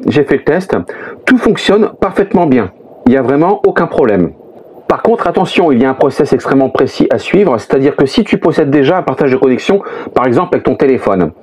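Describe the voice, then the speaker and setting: A middle-aged French family vlogger, father of a family travelling by motorhome, explains things step by step in casual talk packed with "hein" and "euh." His voice is mid-range, a little mellow, and husky.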